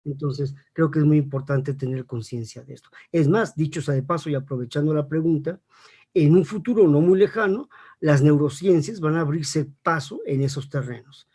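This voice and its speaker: Brief: male expert guest, a bit high in pitch, teacherly answers with frequent tag questions and measured hesitations. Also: mellow, husky. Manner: didactic, checks in with frequent rhetorical tags. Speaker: interview guest, academic expert. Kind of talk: explanatory interview answer.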